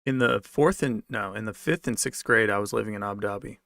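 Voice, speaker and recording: An American man raised moving around in a military family answers viewers' comments off the cuff. His voice is fairly low, gravelly, and a bit bright, and he talks fast, rambling a little and repeating phrases. The sound is studio quality with no echo.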